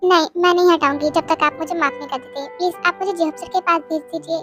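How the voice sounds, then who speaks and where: A high-voiced reader playing a stubborn young office woman who begs and talks back, with soft music behind. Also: fairly even intonation, quick pace. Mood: pleading. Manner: pleading, cheeky.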